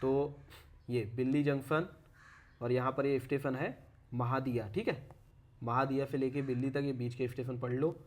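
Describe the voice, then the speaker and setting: A man's voice: medium pitch, fairly even intonation, normal speed, pauses often. Male explainer, casual and chatty, repeats "okay" between points, catches and fixes his own slips, calls the viewer "brother.". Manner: keeps saying "okay" and corrects his own pronunciation. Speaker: educational video creator. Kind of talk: casual walkthrough of a map.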